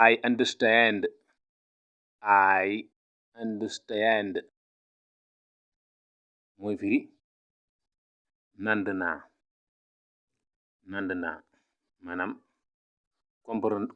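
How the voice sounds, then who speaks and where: A man teaching English phrases in Wolof, repeating each phrase slowly word by word. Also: lowish voice, steady tone. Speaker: language teacher. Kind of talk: slow, deliberate English lesson in Wolof. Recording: dull lo-fi recording.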